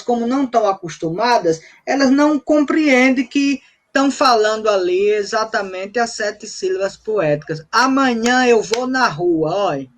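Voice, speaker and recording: A man's voice: high voice, a bit bright. A poet being interviewed on radio, explaining his craft patiently like a teacher. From Bahia, Brazil. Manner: patient, teacherly, counts out examples. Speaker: cordel poet, interview guest. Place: radio studio.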